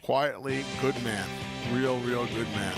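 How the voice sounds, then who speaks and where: A man working as a horse racing analyst, chatting casually in a loose, jokey, halting way. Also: mid-range voice, vocal fry. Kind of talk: casual sports broadcast chat. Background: loud music behind the voice.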